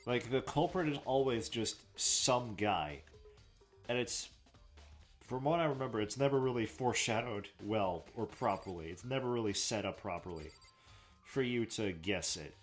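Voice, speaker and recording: A man's voice: medium pitch, animated, normal speed, soft background music. A man casually rambling and joking while commentating his own game playthrough, often trailing off. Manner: casual, self-deprecating, trailing off, swears. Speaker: let's play host.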